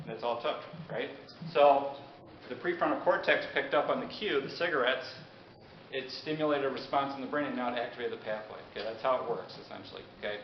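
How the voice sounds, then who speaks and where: A pharmacist giving an informal public lecture, chatty and often checking in with the audience. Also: male voice, medium pitch. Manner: chatty, asks the audience questions. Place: meeting room with an audience. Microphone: handheld mic. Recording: echoey, dull, noisy room recording.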